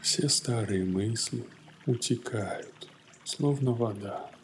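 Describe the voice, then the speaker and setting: A man with a medium-pitched voice guides a morning meditation in a gentle, soothing manner like a yoga teacher, leaving long pauses between phrases. Soft music plays in the background.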